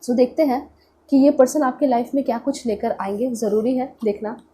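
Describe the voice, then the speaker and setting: An Indian-accented tarot reader, congested and nasal from a cold, does an informal reading at a moderate pace. Her dark voice is a little high, and there's a slight hiss or hum. She blends in English words and keeps coming back to check-in phrases.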